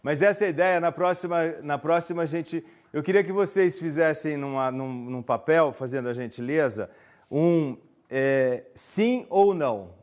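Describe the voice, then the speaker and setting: A man's voice: fairly high pitch, moderate pace, a little mellow. A man with a Brazilian Portuguese accent presenting a live online marketing class, chatty and joking with his audience, with many fillers. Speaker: webinar presenter.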